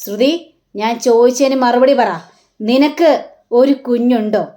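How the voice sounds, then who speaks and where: A woman's voice: a little high, dark tone, close to an everyday voice. A woman putting on a stern, scolding mother-in-law. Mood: harsh, demanding. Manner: slow, demanding, scolding. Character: stern angry mother-in-law interrogating her daughter-in-law.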